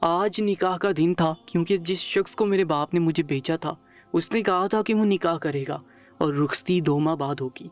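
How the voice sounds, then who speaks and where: Brief: male storyteller, slightly high voice, earnest and sorrowful scripted reading with soft music behind. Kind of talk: scripted narration of an emotional first-person story.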